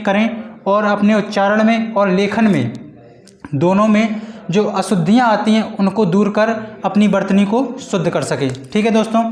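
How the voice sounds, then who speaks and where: Man, teacher, patient exam-prep lesson, high voice, roomy echo. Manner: patient, repeats points and models sounds slowly.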